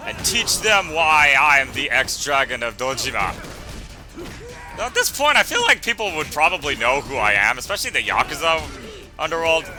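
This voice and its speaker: Bright, animated man rambling over gameplay. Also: fairly high pitch, faint music behind. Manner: halting, stammering, repeats and rephrases words. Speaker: gamer doing a let's play. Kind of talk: casual rambling game commentary.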